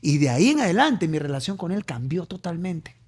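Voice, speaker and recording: A man's voice: fairly high pitch, very animated, brisk, a little mellow. A middle-aged man with an Ecuadorian accent, a coach and author, telling a personal story as an interview guest, often repeating phrases for emphasis.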